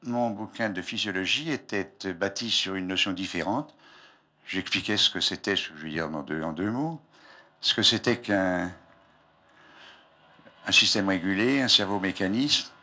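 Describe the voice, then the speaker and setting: An older scientist's public lecture survives on old archival tape: informal and digressive, delivered from a lecture hall's raised platform, with sentences often left unfinished. He speaks a little slowly in a low, bright, forceful voice.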